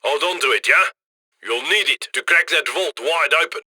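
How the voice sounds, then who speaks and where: A man with a fairly high, bright, forceful voice and a breathy edge speaks at a moderate pace in an exaggerated style, recorded dry with clean studio sound. He plays a cheerful, cheeky heist handler in a video game, chummily guiding a robbery crew through mission voice lines. His mood is brisk and scheming, and his colloquial manner is gleeful about the loot.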